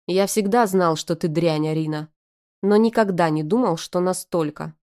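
A woman's voice: lowish voice, normal speed, darkish tone, lightly acted. A woman reading the lines of a stern, angry young father who speaks in cold, clipped growls. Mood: cold anger.

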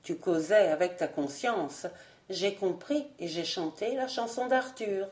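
A woman voicing a strange young albino man who speaks gently and sadly, in a roomy-sounding audiobook. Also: mid-range voice, unhurried, lightly acted. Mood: earnest. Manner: gentle, melancholy. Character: young albino man, wild, soft and melancholy.

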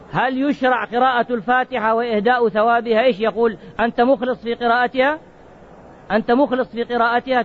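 A man's voice: extremely high pitch, phone-quality sound. A man preaching a sermon, asking the listeners questions and stretching out key words for emphasis.

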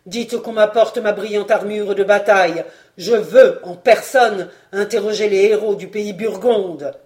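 An audiobook reader voicing a grieving, proud male warrior king who laments loudly. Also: mid-range voice, a little slow, close to an everyday voice. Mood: commanding. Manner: lamenting, emphatic. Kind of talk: audiobook reading.

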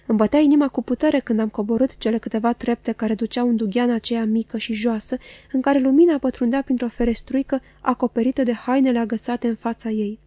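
A woman reading a classic novel aloud in a measured, even narration. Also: on the high side, dry recording. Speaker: audiobook reader. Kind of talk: scripted literary narration.

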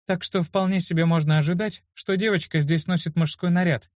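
A man's voice: sits high, fairly even intonation, a little fast, a little mellow, no echo, voice pushed up, lightly acted. Man voicing a hot-tempered young woman healer. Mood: flustered. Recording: dull lo-fi dry recording.

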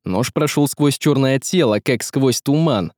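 A man narrating a fantasy story in measured, dramatic storytelling. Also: mid-range voice, animated, a little mellow, dry recording, studio quality. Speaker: audiobook narrator. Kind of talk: scripted narration.

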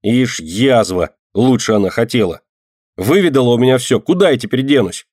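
A man reading an audiobook and voicing a proud, rough street boy who scolds loudly. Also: fairly low pitch, moderate pace, no echo, clean studio sound, pitched above the performer's own voice, close to an everyday voice. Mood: angry. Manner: gruff, scolding, loud.

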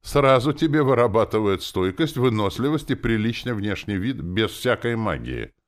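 A man's voice: fairly low pitch, lively intonation, moderate pace, voice pushed up, natural voice. A man voicing a wheezing male zombie soldier who talks in a self-assured, condescending way. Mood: smug. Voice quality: wheezy, hissing. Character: wheezing undead zombie soldier, male, bossy drill-lover.

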